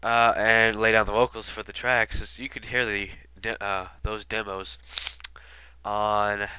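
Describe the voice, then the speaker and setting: A sick video commentator, nose stuffed up, rambles through a casual album retrospective loaded with fillers and asides. He speaks unhurriedly in a fairly low, flat voice that sounds bright and forceful. The low-quality recording carries a little hiss or hum.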